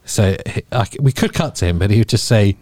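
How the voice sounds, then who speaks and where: A man with a fairly low voice and a lively, swooping delivery co-hosts a podcast in easy, joking chat. He laughs often and trails off into restarts. The sound is close and dry, from a studio microphone. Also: fast talker, no room sound. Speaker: podcast co-host. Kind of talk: casual chat.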